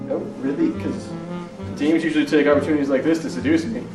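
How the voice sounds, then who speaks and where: A man's voice: on the high side, fairly even intonation, quick pace, close to an everyday voice. A young man playing a cocky, clueless private eye in an amateur comedy film, smug and matter-of-fact, recorded from a distance in an echoey room with music.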